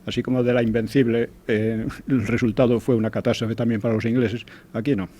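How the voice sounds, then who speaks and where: A man's voice: medium pitch, flat delivery, a little fast, warm tone. An older man giving conversational commentary as a regular guest, hesitant, with frequent restarts and tag questions.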